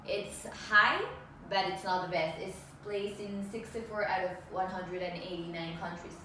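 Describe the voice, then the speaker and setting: A woman's voice: on the low side, fairly even intonation, normal speed. A woman in her twenties from Colombia and Mexico giving a student class presentation, hesitant, with restarts and fillers. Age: 20s. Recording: echoey room, far from the mic, faint noise.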